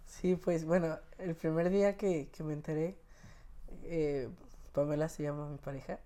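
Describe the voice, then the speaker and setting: A young man in his twenties with a Mexican Spanish accent, talking as a podcast guest. His voice is soft and mellow, and he laughs easily as he tells his stories in a relaxed, casual way. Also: on the high side, normal speed. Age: 20s. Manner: laughs often while telling stories. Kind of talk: casual interview storytelling.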